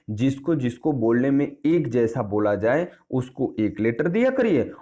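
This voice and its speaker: A man's voice: medium pitch, darkish tone, dull audio. A man teaching an English poetry lesson in a classroom style, repeating points and asking and answering his own questions while addressing students familiarly. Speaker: English tutor.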